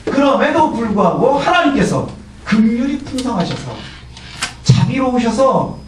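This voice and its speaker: High-voiced preaching man in echoey church. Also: big pitch swings, measured pace, distant mic, a little hiss or hum. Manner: conversational preaching, asks questions and answers them himself; punctuates phrases with a short "예". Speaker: pastor. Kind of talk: sermon. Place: church sanctuary.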